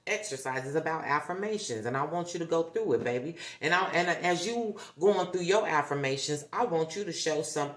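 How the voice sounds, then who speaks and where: A woman's voice: low-pitched, a bit bright. A woman hosting a motivational livestream who talks emphatically, repeats herself for effect and keeps checking in with the audience. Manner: emphatic, repetitive, coaxing with tag questions. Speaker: livestream host. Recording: roomy echo.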